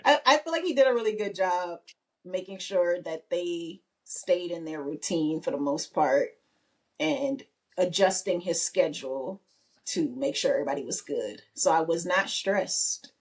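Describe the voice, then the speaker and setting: A woman's voice: on the low side, unhurried. A woman in her thirties, a podcast co-host, chatting casually and telling stories with frequent laughs. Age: 30s. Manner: chatty storytelling, laughs often. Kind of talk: casual chat.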